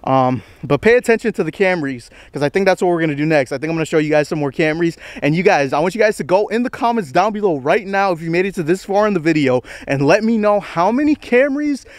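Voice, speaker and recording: An American vlogger in his twenties walks a wooded estate trail, talking casually to the camera, a little out of breath. His voice sits high and is expressive and quick with few pauses, as he rambles in slang, pokes fun at himself, and says "bro" a lot. The recording is dry.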